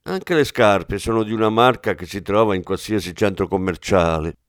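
A man's voice: on the low side, normal speed, clear, resonant tone, no echo, studio quality, lightly acted. A man reading an audiobook, playing a polite, dutiful male forensics officer who reports formally. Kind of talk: audiobook character voice.

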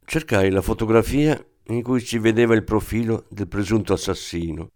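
A man reading a crime novel aloud in measured, even narration. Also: lowish voice. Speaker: audiobook narrator. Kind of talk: scripted narration.

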